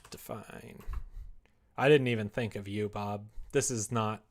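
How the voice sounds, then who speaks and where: A man live streams while developing a game, chatting casually indoors at his computer desk and muttering to himself between replies to chat. His voice is on the low side, with fairly even intonation and a measured pace.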